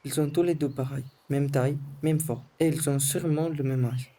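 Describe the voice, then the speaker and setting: A teenage boy from Sri Lanka reading a scripted voice-over in calm, careful short phrases as the student narrator of a school film. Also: fairly high pitch, normal speed. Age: teens.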